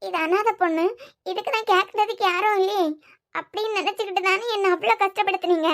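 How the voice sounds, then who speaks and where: A woman's voice: very high-pitched, fairly even intonation, quick pace, fairly bright tone. A woman voicing a hurt young wife in a cartoon serial, tearful and bitterly accusing her husband.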